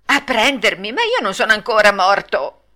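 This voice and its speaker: A woman reading an audiobook and voicing a stubborn, whiny wooden puppet boy in a shrill, pleading tone. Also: lively intonation, moderate pace, bright, forceful tone. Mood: panicked. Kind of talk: audiobook read-aloud.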